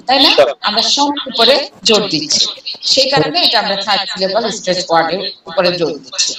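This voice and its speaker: Brief: Bangladeshi female English instructor, deliberate lecture delivery, recorded far off in a roomy space with a crowd. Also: fairly high pitch. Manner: slow, deliberate reading of English questions. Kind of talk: online class lecture. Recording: echoey room, far from mic, people talking. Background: students chiming in.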